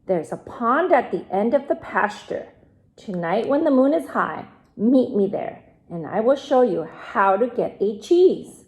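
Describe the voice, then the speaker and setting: A woman's voice: a little high, animated, a little slow. A woman voicing a timid, crafty little female lamb who bleats and pleads. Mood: scheming.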